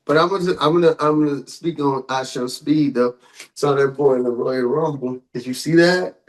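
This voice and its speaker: With a medium-pitched voice at normal speed, a male podcast co-host gives slangy, opinionated reactions to hip-hop and pop culture stories, tossing in exaggerated asides. The recording is rough.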